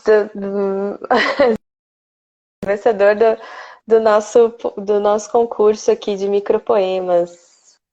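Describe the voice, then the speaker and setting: A woman's voice: mid-range voice, little pitch movement, slow pace, long pauses, darkish tone. A woman from Brazil hosting a casual live poetry stream, chatty and greeting viewers by name. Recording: slightly dull lo-fi stream audio.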